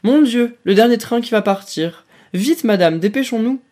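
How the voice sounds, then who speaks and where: A poised, brisk commander's wife presses everyone along with urgent insistence, as a man voices her in a storybook reading. The voice rises above the reader's own. She sounds sharp and quick. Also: a little high, expressive.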